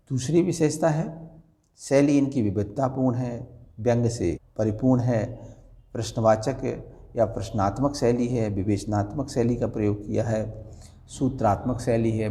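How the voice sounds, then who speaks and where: A man teaching a lesson, walking through exam answers step by step. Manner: explains step by step, lively rising and falling pitch. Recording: long reverb, roomy.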